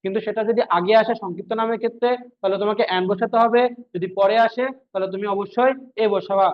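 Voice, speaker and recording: A man's voice: sits high, steady tone, fast. A male teacher explaining English grammar for an exam, repeating points and often checking whether students follow. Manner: repetitive, checks understanding with frequent questions. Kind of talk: exam-prep grammar lesson. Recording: tinny phone-like sound.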